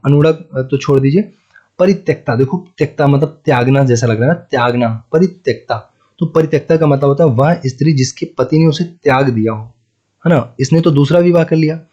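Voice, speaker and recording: Using a fairly high, warm voice with a breathy edge, a male Hindi teacher with a north Indian accent reviews exam questions. In this exam-prep lesson, captured on dull lo-fi audio, he says each answer twice and puts questions to the listener.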